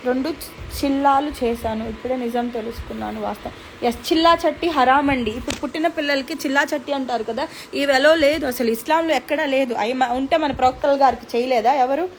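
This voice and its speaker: A woman's voice: high voice, brisk, slight background noise, low-quality recording. A young woman with a Telugu accent, chatting casually and earnestly as host, answering viewers and slipping into English now and then. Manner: earnest, conversational, with code-switching to English. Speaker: host reading viewer comments. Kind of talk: casual live chat.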